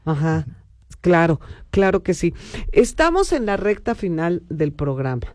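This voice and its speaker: A man hosting a university radio show, chatty and quick to affirm his guests. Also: on the high side, big pitch swings, no echo, studio quality. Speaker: radio host.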